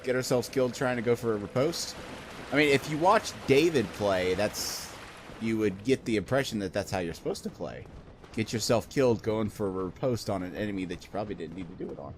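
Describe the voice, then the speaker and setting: A man's voice: lowish voice, brisk, slight background noise. A man giving casual gameplay commentary, rambling, joking and swearing freely. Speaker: let's play host.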